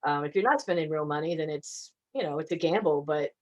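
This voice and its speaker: A woman with a fairly low voice answers questions as an invited attorney. She speaks in a conversational, loose way. She hesitates often, with plenty of fillers and restarts. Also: a little fast, lo-fi sound. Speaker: guest attorney.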